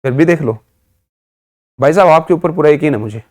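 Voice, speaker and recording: Here a man with an Indian accent gives an online vocabulary lesson, using mnemonics to teach English words while mixing in Hindi and answering his own questions. His voice is on the high side, a little fast and a little mellow.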